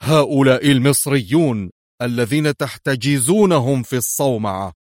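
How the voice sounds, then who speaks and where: A man's voice: mid-range voice, moderate pace, dry recording, clean studio sound, natural voice. A man reading a storybook voices a ruthless, furious spy-ring boss who barks harsh, contemptuous orders.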